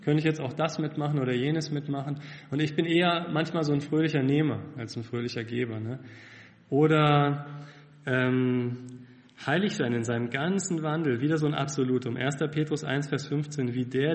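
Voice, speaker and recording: A man preaching a sermon as a missionary, candid and self-mocking, swinging from loud emphasis to hushed tones. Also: on the high side, moderate pace. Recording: echoey hall.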